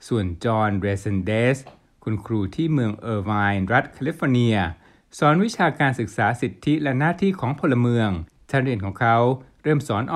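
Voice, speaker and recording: A man reporting the news, reading a formal script in a polite, measured way as a studio voice-over. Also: mid-range voice. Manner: polite formal delivery with Thai polite particles.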